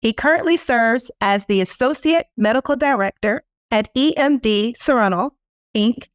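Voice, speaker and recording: A woman's voice: fairly high pitch, normal speed, no echo, studio quality. A woman who directs programs, hosting an interview with a formal, polished, scripted delivery. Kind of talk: scripted introduction and interview questions.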